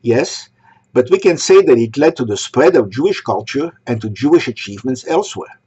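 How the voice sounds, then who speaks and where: Man, sermon, rhetorical questions, measured delivery, husky, dull lo-fi sound. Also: medium pitch, lively intonation, warm tone. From Egypt. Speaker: synagogue speaker. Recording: dull lo-fi recording.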